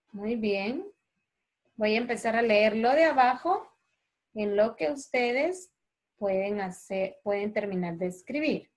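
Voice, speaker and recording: Patient woman teaching slowly over video call. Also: a little high. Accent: Honduran Spanish. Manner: patient, slow and clear, calls children by name. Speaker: primary school teacher. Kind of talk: online class teaching.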